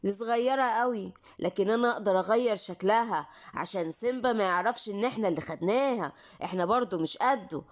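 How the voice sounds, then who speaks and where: A woman with an Egyptian accent voicing a sly, plotting witch in a children's bedtime cartoon, dropping to a lower, conspiratorial voice. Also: fast, close to an everyday voice. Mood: scheming. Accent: Egyptian Arabic.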